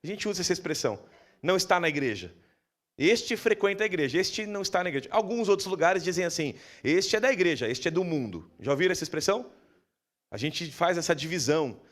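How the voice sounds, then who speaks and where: A man with a Brazilian Portuguese accent preaching a sermon in a church, telling the story vividly and acting out dialogue in a lowered voice. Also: animated, quick pace, a bit bright. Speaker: pastor.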